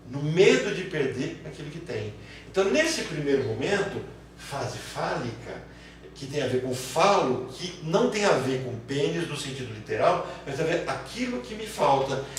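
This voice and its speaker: A man giving a psychology lecture to a class, lively and acting out children's voices as examples. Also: on the high side. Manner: animated, acts out children's voices. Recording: echoey room, mic far off, faint noise.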